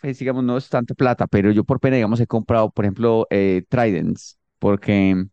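A man's voice: lowish voice, steady tone, a little fast, mellow, no room sound, muffled recording. A man co-hosting a talk show who speaks hesitantly, with many fillers and restarts. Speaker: radio show co-host. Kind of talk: casual conversation.

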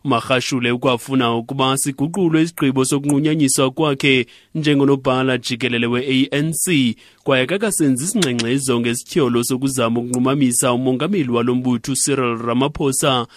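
A man's voice: medium pitch, quick pace, dry recording. A man with a South African Xhosa accent reading a scripted news report as a reporter.

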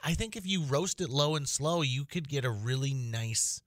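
A man's voice: medium pitch, expressive, moderate pace, no room sound, studio quality. A man co-hosting a radio talk show, casual and rambling with many ums and likes. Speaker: radio co-host.

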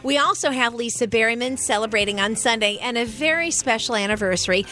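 A woman's voice: fairly high pitch, fast talker, pushed and bright. An American woman co-hosting a morning radio show in a casual, chatty local style.

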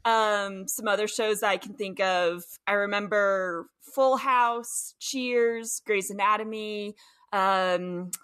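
A woman's voice: mid-range voice, steady tone, slow pace, a bit bright, smooth. A woman on a podcast panel, talking hesitantly with many fillers. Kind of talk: casual chat.

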